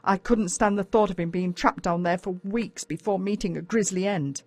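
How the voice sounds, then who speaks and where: An Australian woman reads a scripted, first-person children's story as an audiobook narrator, aiming for drama and suspense. Her medium-pitched voice keeps fairly even intonation at a normal speed. Background noise can be heard.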